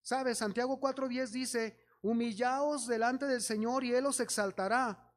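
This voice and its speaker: A man's voice: very high voice, fairly even intonation, measured pace. A man with a Mexican accent preaching a sermon, telling stories and acting out the voices of people in them while exhorting his congregation as brothers.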